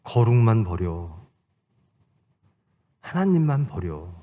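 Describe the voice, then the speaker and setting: A man preaching who voices Satan as a male tempter, slow and coaxing. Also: on the low side, sing-song, lo-fi sound, pitched below the performer's own voice.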